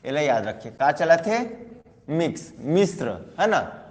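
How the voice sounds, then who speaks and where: Male teacher, Chhattisgarhi accent, higher voice, quizzing and chanting, long reverb on the recording. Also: big pitch swings, slow pace, darkish tone. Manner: call-and-response questions, chanting repeated words. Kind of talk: online class mnemonic lesson.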